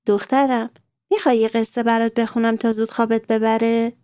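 A woman voicing a kind, gently teasing mother in a storybook. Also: on the high side, flat delivery, clean tone, dry recording, studio quality, close to an everyday voice. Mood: gentle. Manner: soft and kind.

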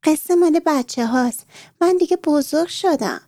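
A woman doing a high little girl who insists she is grown up. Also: animated, dark tone, no room sound, clean studio sound. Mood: protesting. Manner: high, childish and pleading.

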